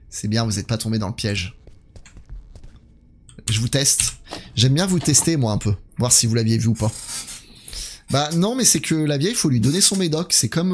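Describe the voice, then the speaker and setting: A man's voice: medium pitch, a little hiss or hum. A man streaming a horror game live, thinking aloud and talking to his viewers in a chatty way. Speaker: gaming streamer. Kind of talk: live let's play commentary.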